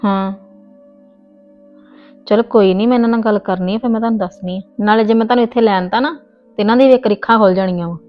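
Over soft background music, with the highs cut off, a woman in a scripted family comedy skit plays a young wife who's stubborn and quick to argue. Her mid-range, natural voice is fairly even in intonation; she talks fast, pauses often, and scolds insistently as her voice rises, the mood soothing yet scolding.

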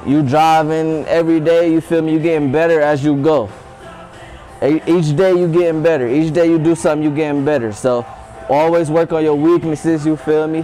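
A man's voice: a little high, warm tone, poor audio. Young American man, motivational talk over music. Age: young adult. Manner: slangy, repeats a catchphrase. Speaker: fitness vlogger giving motivation. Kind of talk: casual motivational talk to camera. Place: small wood-panelled indoor room.

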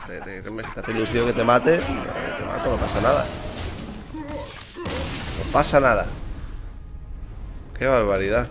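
A man's voice: mid-range voice, big pitch swings, takes it slowly, pauses often. Give me a tired young Spanish man with a Spanish accent streaming a card game, swearing a lot and mocking his opponent, with faint game music underneath. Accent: Spain Spanish. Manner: chatty, swears often, teases the opponent. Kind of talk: casual gameplay commentary. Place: small room indoors.

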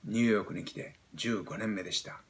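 A Japanese man in his seventies teaching pronunciation, explaining step by step and demonstrating sounds with animated emphasis. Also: lowish voice, fairly quick, gravelly. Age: 70s. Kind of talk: explaining lesson.

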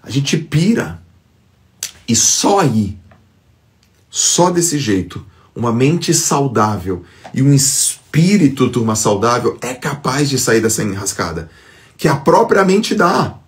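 Guy doing a motivational live on his phone, pitch jumps all over, super emphatic. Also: slow pace. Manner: emphatic, lively, acts out quoted thoughts. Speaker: motivational speaker on a live stream. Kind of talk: motivational talk to followers.

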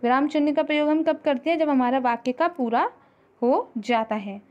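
A high-voiced woman teaches a grammar lesson, patient and methodical. She repeats each point and checks in with her students. The recording sounds a little dull and lo-fi. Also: normal speed. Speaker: school teacher.

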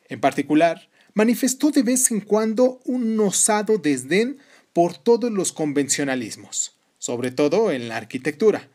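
A man hosting a podcast, reading scripted narration in a measured, formal way. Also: high-pitched, darkish tone. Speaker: podcast host.

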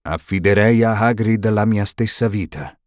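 A man voicing an old wise male wizard in an audiobook, speaking gravely and firmly. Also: lowish voice, no echo, clean studio sound, natural voice. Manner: slow, grave and firm.

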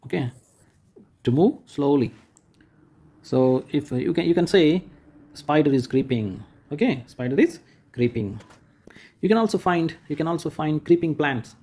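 This is a man, walking young pupils through a textbook lesson. His voice is fairly high but mellow and a little husky. He repeats each point, rephrases it, and points things out as he goes. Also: animated, normal speed, long pauses. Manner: points and demonstrates with "like this". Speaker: teacher. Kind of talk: explaining a school textbook lesson.

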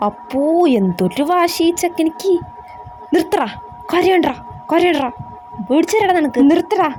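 A woman's voice: a little high, fairly quick, music in the background, natural voice. A woman playing an older grandmother in a homemade family skit. The grandmother coos over one grandson and scolds the others. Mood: scolding. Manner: coaxing and scolding by turns, sing-song baby talk.

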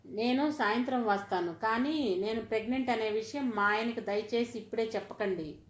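A woman's voice: a little high, moderate pace, natural voice. A woman voicing an anxious, tearful young newly married wife who pleads hesitantly. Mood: desperate. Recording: roomy echoey recording.

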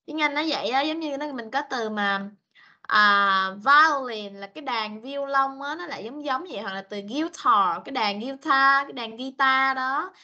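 A woman teaching English to young children over a video call, speaking, patient and coaxing, mixing with slow English. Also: high voice, bright, forceful tone, highs cut off. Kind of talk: online class for young children.

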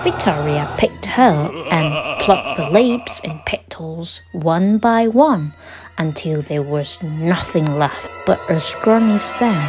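A woman reading a children's picture book aloud in an expressive storytelling style. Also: on the low side. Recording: clear music behind the voice. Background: background music.

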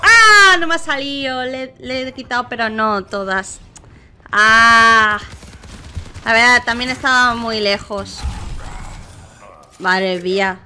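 A woman with a Spain Spanish accent talks through her match in a bright, fairly high voice, taking it slow and chatty between sudden loud cries for help. Her gaming commentary comes through a desk mic with a faint hiss of background noise. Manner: chatty, reacts loudly with exclamations and cries for help. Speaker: gaming streamer. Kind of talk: casual gameplay commentary.

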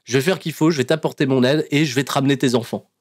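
A man voicing a tough male wrestler who turns earnest and sweetly comforting, speaking in an over-gentle, reassuring way. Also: mid-range voice, racing, dry recording, studio quality, natural voice.

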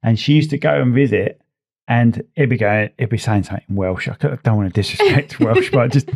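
A man's voice: mid-range voice, sing-song, fast talker, creaky, a little mellow, slightly rough. A man rambling and joking self-deprecatingly as a podcast host. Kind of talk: casual chat.

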